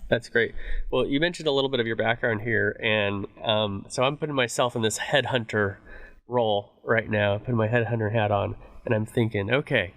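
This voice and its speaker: A man's voice: on the low side, moderate pace, a bit bright, no echo. A man hosting a podcast interview, talking in a friendly, conversational way. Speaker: podcast host.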